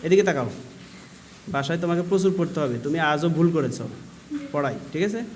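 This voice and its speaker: A young male schoolteacher with a slightly high voice talks in a firm yet gentle way as he calls children up one by one and checks their work. A faint hum of classroom ambience sits behind him. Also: brisk. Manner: firm but gentle, calls pupils forward and questions them. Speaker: primary school teacher. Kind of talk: classroom vlog, checking pupils' handwriting. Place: government primary school classroom.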